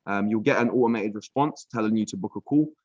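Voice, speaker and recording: A young British trading mentor, with a lowish voice and a fast pace, breaks down trading charts on a casual live stream from a villa room. He's relaxed and chatty, full of "um," "bro," and "like." The recording is muffled but has no echo.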